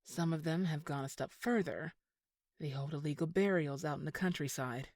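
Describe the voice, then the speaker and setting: In studio quality with no room sound, an actress with a low, darkish voice at normal speed plays a sly, scheming villainous old flame in a scripted audio drama. She sounds insinuating, condescending beneath a feigned sweetness.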